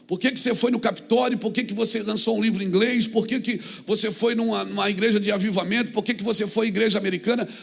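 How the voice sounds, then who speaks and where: A male pastor preaching a sermon. He moves from calm talk to fervent shouts and calls out to the congregation. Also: high-pitched, quick pace, gravelly, few pauses.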